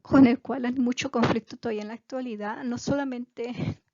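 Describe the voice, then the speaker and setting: A woman's voice: fairly high pitch, fairly even intonation, normal speed, warm tone, dry recording, dull audio. A woman giving a casual video language lesson, chatty and digressive with many fillers. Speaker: language teacher.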